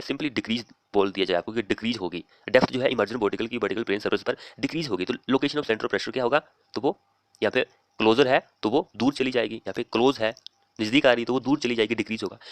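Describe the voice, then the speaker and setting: A male teacher reading exam questions aloud slowly and explaining each answer in a plain, steady way. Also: mid-range voice, no room sound. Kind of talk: screen-recorded exam lesson.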